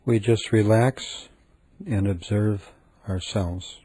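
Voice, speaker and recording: A husky, lowish male voice leads a guided meditation with no echo, taking his time, gentle and calm, pausing frequently.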